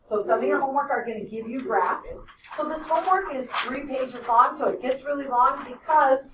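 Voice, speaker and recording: A woman's voice: high-pitched, moderate pace, distant mic, background noise. Woman teaching math in an echoey classroom. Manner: explains step by step with frequent "okay?" and "right?" checks. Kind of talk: classroom lecture.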